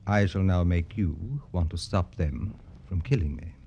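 This old-time radio actor gives a heavily acted turn as an arrogant, wealthy, jaded satirist, speaking in florid, theatrical phrases with a gloating, taunting air. His low, dark voice is animated and measured, with a breathy edge, and the audio is dull.

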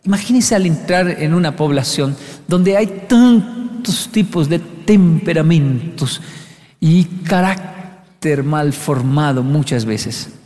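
A man's voice: on the high side, takes it slowly. A man from gives a motivational talk on leadership, telling stories and acting out the quotes. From Latin America. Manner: animated storyteller acting out quotes. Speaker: speaker on leadership. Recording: long hall reverb.

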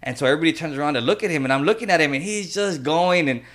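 A man's voice: fairly high pitch, lively intonation, rapid-fire, a bit bright. A man co-hosting a casual podcast, telling anecdotes in a colloquial, rambling way. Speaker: podcast co-host.

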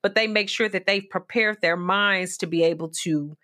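A woman's voice: mid-range voice, steady tone, moderate pace, pushed and bright. A woman hosting an interview show, affirming and gushing over her guest. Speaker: podcast host.

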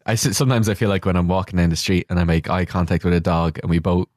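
A man chatting and telling anecdotes in a casual, animated, comedic way as a podcast co-host. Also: sits low, fast, no room sound, clean studio sound. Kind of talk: casual comedic chat, storytelling.

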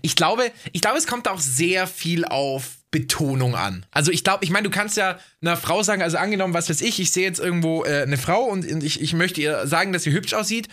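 A man's voice: on the high side, animated, a bit bright. A young man co-hosting a casual podcast, thinking aloud and explaining his point with examples. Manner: thoughtful, explains with examples and quick asides. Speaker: podcast co-host.

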